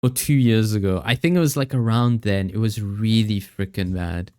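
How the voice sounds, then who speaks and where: A man's voice: lowish voice, normal speed, a little mellow. A man livestreaming from a home setup, chatting casually and thanking viewers over a headset mic in a rambling, upbeat way.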